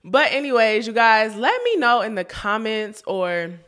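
A woman's voice: a little high, unhurried, a bit bright. A young woman hosting a casual podcast for moms, chatty, often laughing and calling her listeners y'all. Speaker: podcast host.

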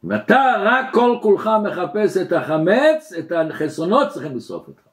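A middle-aged rabbi teaches a class in a fairly high voice. His intonation swings widely and expressively as he tells stories and acts out the characters in them. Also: very animated. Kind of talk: religious lesson with storytelling.

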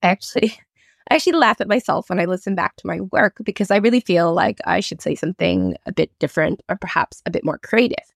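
Woman, podcast host, casual talk, slightly croaky, frequent vocal fry, dry sound, self-deprecating. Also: lowish voice, lively intonation, fast talker, no echo. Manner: self-deprecating, chuckles at herself. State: slightly croaky after a chest infection.

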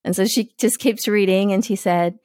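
A woman's voice: medium pitch, steady tone, moderate pace, a little mellow, no echo, clean studio sound. A woman in her forties, a guest telling a family story in casual chat, laughing often and acting out the quotes.

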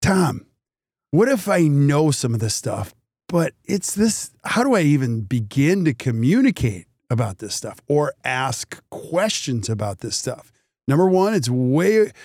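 A man hosting a casual interview, asking questions in a halting, roundabout way. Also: a little high, darkish tone, dry recording, clean studio sound. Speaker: interview host, dentist.

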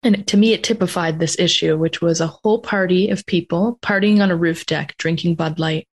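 A woman's voice: fairly low pitch, brisk. A woman from North America who hosts a casual interview podcast and thinks aloud in long, reflective sentences. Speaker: podcast host.

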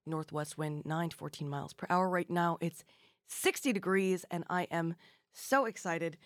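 A woman radio host with a slightly low voice, recorded very dry and close. She speaks conversationally, as a presenter does on air. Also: moderate pace, no room sound.

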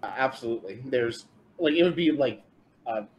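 A man's voice: medium pitch, expressive, normal speed, dull audio, slight background noise. A man narrating as game master of a tabletop role-playing game, casual and loose, with lots of filler words.

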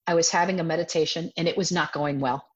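Speaking quickly in a low-pitched voice, this woman in her forties, who teaches self-defense, recounts a personal story in an interview. She's animated and keeps acting out her own past words, all on a dull lo-fi recording.

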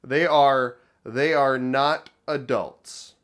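A man co-hosting a podcast, talking in a wry, analytical, deadpan way in casual chat about a cartoon episode. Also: mid-range voice, drawn-out words. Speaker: podcast co-host.

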